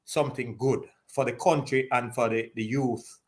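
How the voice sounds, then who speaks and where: Brief: male talk host, live stream interviewer, measured, encouraging, gives advice. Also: medium pitch, fairly even intonation.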